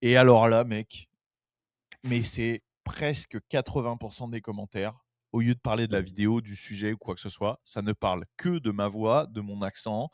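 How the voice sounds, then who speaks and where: A man's voice: fairly low pitch, normal speed, no room sound, clean studio sound. A Frenchman speaking casually and emphatically, often repeating himself and swearing now and then. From France. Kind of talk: casual chat.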